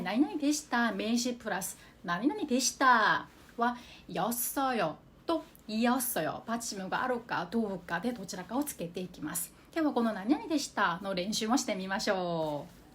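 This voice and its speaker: A woman teaching a language lesson, repeating example sentences slowly and carefully. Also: medium pitch. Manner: slow, careful repetition of example phrases.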